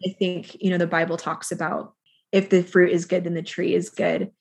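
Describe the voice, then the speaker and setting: A woman hosting a podcast, asking gentle, reflective questions of her guest. Her voice sits a little low and has a husky, breathy edge. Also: little pitch movement, normal speed. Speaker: podcast host. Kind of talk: interview questions.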